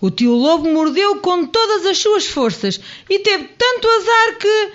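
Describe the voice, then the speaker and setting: Woman storyteller, children's story, lively swooping pitch, lo-fi radio sound. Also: unhurried. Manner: expressive, swooping emphasis. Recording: dull lo-fi radio audio.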